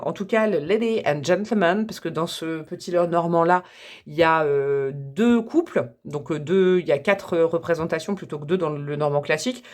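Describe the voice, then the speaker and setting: A woman's voice: mid-range voice, darkish tone. Lady doing a tarot reading to camera, bubbly, chatty, laughs a lot. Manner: chatty, enthusiastic, laughs often. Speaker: tarot reader.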